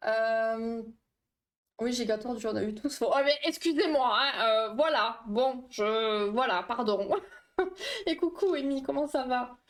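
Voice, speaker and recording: A woman's voice: fairly high pitch, a little slow. A woman hosting a casual livestream, explaining dream science with a quiz, chatty and laughing often while reading chat aloud. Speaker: livestream host.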